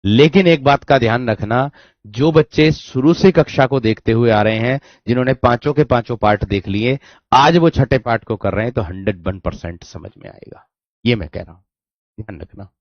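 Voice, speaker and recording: A man teaching a Hindi grammar class online, repeating key phrases, slowing down to dictate and often checking whether students understood. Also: mid-range voice, no echo. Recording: dry, dull lo-fi sound.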